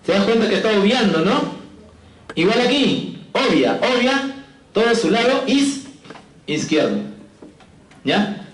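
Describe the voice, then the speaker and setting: A man giving a physiology lecture in a fairly high voice, checking in with his students constantly and cracking jokes to keep them awake. The sound is roomy, with the echo of a classroom around him. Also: very animated, slow, long pauses. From Peru. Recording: echoey classroom.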